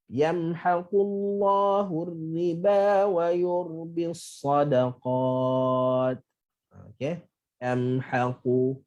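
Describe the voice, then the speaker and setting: Malaysian man drilling recitation slowly. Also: a little high, dark tone. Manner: drills words slowly and repeats them. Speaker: Quran recitation teacher. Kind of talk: online tajwid lesson.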